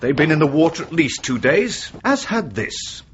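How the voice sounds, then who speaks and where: An actor playing a frustrated, dogged police inspector in a radio drama, husky and grumbling in an earnest way. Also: male voice, on the high side, very animated, moderate pace, slight background noise. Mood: challenging, smug. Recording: dull radio recording.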